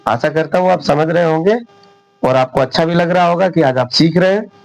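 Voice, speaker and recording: A man's voice: a little high, a little fast, low-quality recording. A man teaching English pronunciation in Hindi, with a sore throat, patiently spelling words out letter by letter. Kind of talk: spoken Hindi English lesson.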